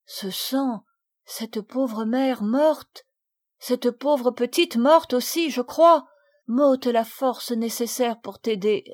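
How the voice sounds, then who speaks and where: A woman's voice: on the high side, slow. A woman voicing a timid, frightened young girl who speaks in a weak, trembling voice, in a storybook reading. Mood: weak, tearful.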